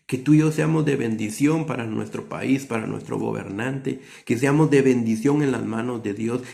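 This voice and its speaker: A man from Guatemala, preaching an earnest sermon full of rhetorical questions, his pace swinging from quick to drawn-out. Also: medium pitch, vocal fry, darkish tone.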